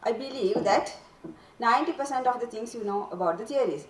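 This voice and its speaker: A woman compere addresses the graduates directly in a formal event introduction. Her fairly high voice carries through an echoing auditorium, caught well away from the mic. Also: brisk. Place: large auditorium. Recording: roomy hall, voice far from mic.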